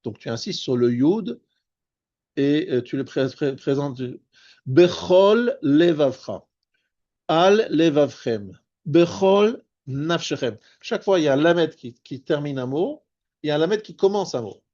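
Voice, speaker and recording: A man, a rabbi, teaching a spoken Torah lesson, explaining patiently and slowing down on Hebrew terms. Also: fairly high pitch, expressive, dark tone, lo-fi sound. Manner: explanatory, repeats and restarts words, stresses Hebrew terms slowly.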